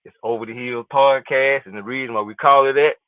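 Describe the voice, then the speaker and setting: A man's voice: mid-range voice, steady tone, a little fast, smooth, no room sound. A man from South Carolina hosts a casual sports and life podcast, talking in a loose, rambling way and peppering everything with "man". His voice comes through a thin, phone-like line with a dry sound. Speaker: podcast host.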